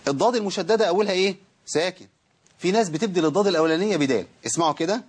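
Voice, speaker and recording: Man, Egyptian Arabic accent, Quran recitation teacher, studio lesson, rapid eager explaining, slightly high voice. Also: slightly rough. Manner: explains eagerly, drawing out sounds to demonstrate them. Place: television studio.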